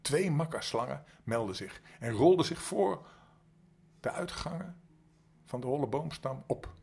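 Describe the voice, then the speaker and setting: An older man reading a bedtime story aloud to his grandchildren in a lively manner. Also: fairly high pitch, a little slow, vocal fry, husky.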